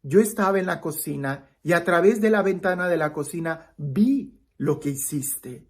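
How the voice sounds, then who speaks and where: A woman's voice: on the low side, normal speed, slightly rough. A woman telling of a kind old grandmother. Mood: gentle.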